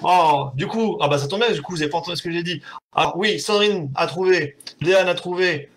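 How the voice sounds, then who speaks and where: Streaming casually from home, a man with a high, fairly bright voice talks briskly with his viewers, rambling, self-mocking, and filling gaps with fillers. His desk mic picks up his keyboard typing along with a little hiss or hum.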